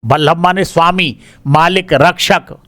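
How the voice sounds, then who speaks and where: Higher-voiced man explaining exam answers. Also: steady tone, unhurried, bright, forceful tone, dry recording. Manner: repeats each word aloud while checking it; informal, addresses listeners as brother. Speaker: teacher. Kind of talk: exam answer-key walkthrough.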